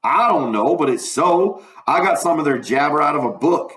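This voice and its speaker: A man's voice: on the high side, lively intonation, normal speed, fairly bright tone, pitched above the performer's own voice. Man reading as Huck, plainspoken country boy, echoey. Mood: matter-of-fact. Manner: plain, colloquial, explaining. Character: plainspoken country boy Huck, patient, matter-of-fact explainer. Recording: roomy, echoing room.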